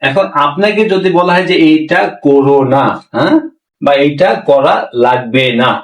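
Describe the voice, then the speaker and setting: A man teaching a language lesson, repeating phrases slowly and asking the class rhetorical questions. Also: on the high side. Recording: roomy, mic far from speaker.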